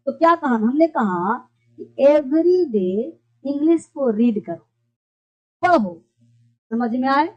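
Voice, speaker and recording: A teacher giving a classroom-style lesson who keeps repeating points and asks and answers their own questions. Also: high voice. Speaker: English teacher. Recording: dull lo-fi recording.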